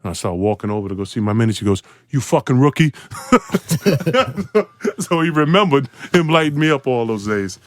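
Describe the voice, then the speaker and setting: A man in his forties, a podcast guest, telling an animated story. He laughs often and jumps into high, excited voices. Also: fairly quick, pauses often.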